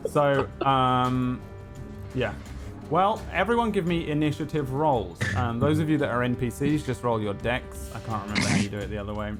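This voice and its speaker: A man improvising tabletop game narration as game master, halting and thinking aloud. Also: mid-range voice. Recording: music behind the voice.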